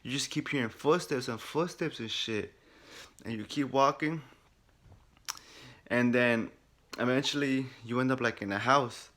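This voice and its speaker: A male gaming vlogger talks through his first hours of a game from his room at home. His voice sits in a middling pitch, and he tells the story in an animated, swear-heavy way, acting out the reactions as he goes. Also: measured pace, long pauses. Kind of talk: casual game first-impressions recap.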